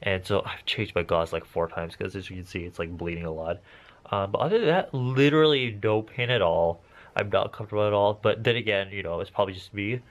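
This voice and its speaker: A male vlogger chats casually to camera, congested and blocked-nose sounding after nose surgery, throwing in playful, campy asides. His voice is fairly low and a little fast.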